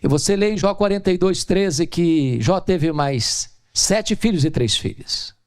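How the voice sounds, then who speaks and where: A man's voice: unhurried, clear, resonant tone. A middle-aged Brazilian man preaching a sermon as pastor, telling stories and acting out the dialogue in a raised voice. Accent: Brazilian Portuguese. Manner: animated storytelling, acting out dialogue in a high voice.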